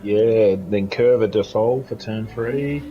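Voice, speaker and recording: A man hosting and commentating a sim racing stream in a relaxed, hesitant way with many ums. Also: on the low side, slow, over a noisy crowd. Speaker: race commentator and host. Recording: dull lo-fi mic with noise.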